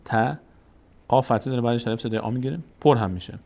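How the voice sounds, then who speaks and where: A man's voice: medium pitch, fairly even intonation, vocal fry, warm tone. Patient male recitation teacher. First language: Tajik. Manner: explains rules, then slowly chants verses to demonstrate. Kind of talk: step-by-step recitation lesson.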